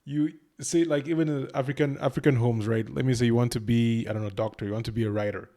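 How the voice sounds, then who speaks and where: A man's voice: medium pitch, fairly even intonation, quick pace, dark tone. A young man from Cameroon, hosting his YouTube channel with casual, self-deprecating reaction commentary. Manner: chatty, self-deprecating, talks to the viewer.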